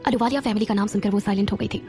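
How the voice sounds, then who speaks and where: A woman narrating a romantic audio series in a steady storytelling manner. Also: medium pitch, rapid-fire, faint music behind.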